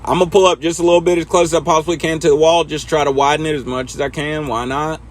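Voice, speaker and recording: A man's voice: a little high, level tone, quick pace. Laid-back man coaching truck backing. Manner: laid-back, talks to himself while driving. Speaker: truck driver teaching backing. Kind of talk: casual instructional commentary over gameplay.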